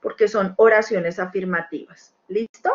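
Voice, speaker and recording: A woman's voice: medium pitch, fairly even intonation, a little slow. A woman teaching a beginner English lesson, explaining step by step and checking in with the class after each point. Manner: patient, checks understanding with tag questions. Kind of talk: recorded screen-share lesson. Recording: dull lo-fi with faint noise.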